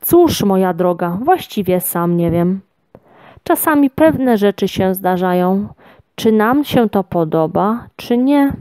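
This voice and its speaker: A grumpy yet soft-hearted male lion from a children's storybook, read aloud by a woman. He scolds and reassures in a slow, mellow voice. The reading is close and dry. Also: mid-range voice, animated, no echo. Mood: gentle. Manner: scolding then gently reassuring.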